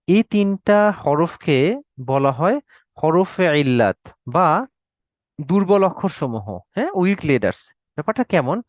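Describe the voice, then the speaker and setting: A man's voice: on the high side, no echo, dull audio. A Bangladeshi man teaching an online Arabic class, explaining patiently and often checking with his students. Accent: Bangladeshi Bengali. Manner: explains patiently, repeats words and checks in with "okay?".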